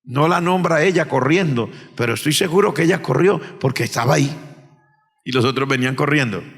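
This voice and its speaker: A Colombian man preaching as pastor of his church. He moves between hushed storytelling and shouted preaching. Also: on the high side, brisk, gravelly. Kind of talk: sermon. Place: church sanctuary. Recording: reverberant church hall.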